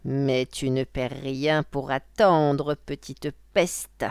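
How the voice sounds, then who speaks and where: A woman's voice: very deep voice, fairly even intonation, drawn-out words, vocal fry, darkish tone, clear, resonant tone, no room sound, clean studio sound, full character voice. Woman playing a scheming wicked old witch. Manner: cackling, theatrical.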